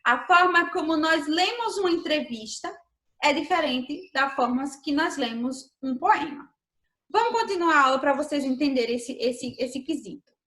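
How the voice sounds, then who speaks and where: Woman, Brazilian accent, primary teacher, patient explanations, bright tone, echoey room. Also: high voice, animated, moderate pace. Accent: Brazilian Portuguese. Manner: patient, explanatory, checks in with "tá bom?". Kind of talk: remote video lesson.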